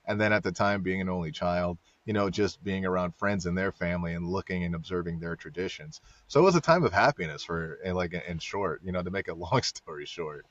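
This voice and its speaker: A man's voice: low-pitched, a little fast, few pauses, no room sound. A man appearing as a podcast guest, telling stories in a laid-back way with frequent fillers. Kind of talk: casual conversation. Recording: dull lo-fi dry sound.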